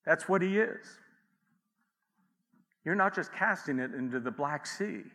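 A man's voice: on the high side, lively intonation, measured pace, bright, forceful tone, big-room sound. A man preaching a sermon as pastor, in a conversational way with asides and acted quotes.

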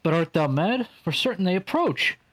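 A man's voice: sits high, very animated, normal speed, fairly bright tone, heavily acted. A man voicing an impatient young farm boy who complains in indignant Shakespearean verse.

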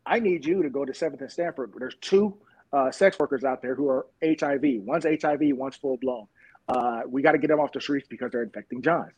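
Dude doing his brisk police boss, matter-of-fact, kinda husky. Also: medium pitch, darkish tone, no room sound, lo-fi sound, close to an everyday voice.

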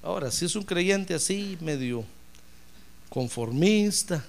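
Pastor guy preaching hard, gravelly voice, pitch swings all over. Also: animated, takes it slowly. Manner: impassioned preaching, repeatedly addressing listeners as brother. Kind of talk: sermon.

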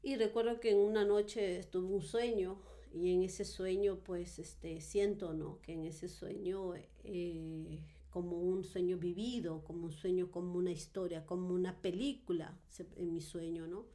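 Low gravelly woman telling her story, halting with lots of fillers. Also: steady tone, dark tone. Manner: hesitant, many fillers and tag questions. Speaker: guest giving a testimony. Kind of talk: personal testimony in conversation.

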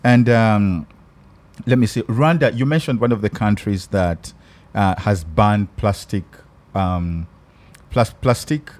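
Ugandan male podcast host, low-pitched, conversational, searches for words. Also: a little mellow. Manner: thoughtful, halting with many restarts. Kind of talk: casual chat.

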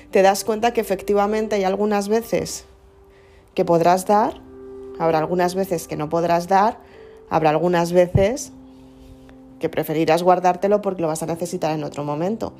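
A woman's voice: mid-range voice, mellow. Earnest Spanish woman musing aloud. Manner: earnest, questioning, restarts words. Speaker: speaker giving personal reflections. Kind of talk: reflective casual monologue.

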